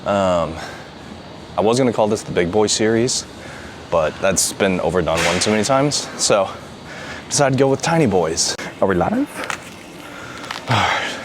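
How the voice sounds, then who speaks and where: A man with a low voice talks loosely between lifts, wandering from thought to thought in a laid-back way. The sound is rough, with steady gym noise all around him. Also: normal speed. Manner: rambling, laid-back, says "dude" often. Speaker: vlogger. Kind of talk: casual workout vlog chat. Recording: noisy gym ambience.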